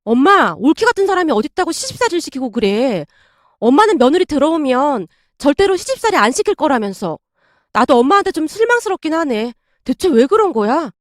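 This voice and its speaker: A woman voicing a middle-aged mother who confides in a hushed, lower tone. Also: very animated, a little fast, no room sound, studio quality. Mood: reproachful.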